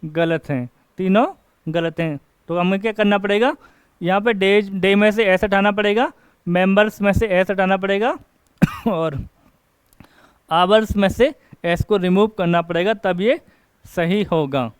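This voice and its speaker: A man teaching an English grammar class, asking questions and answering them himself and reading example sentences slowly. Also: high-pitched, clear, resonant tone, dry recording. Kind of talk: classroom lecture. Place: coaching class.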